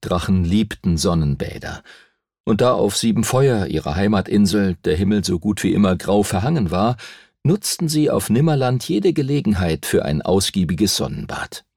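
A man narrating a children's fantasy audiobook in an expressive storytelling manner. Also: on the low side, normal speed, dry recording, clean studio sound. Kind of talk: scripted narration.

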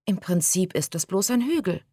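A woman voicing a brisk, upbeat teenage girl who reads the map and explains the route, in a raised, bright voice. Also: fairly low pitch, expressive, slightly rough, no room sound, clean studio sound, voice pushed up. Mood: explaining.

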